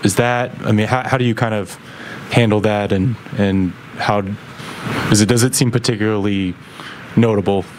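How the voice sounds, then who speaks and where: A man's voice: fairly low pitch, steady tone, moderate pace, noisy background. A man, a reporter asking a hedging question at a press conference. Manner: hedging questions full of "um" and "kind of".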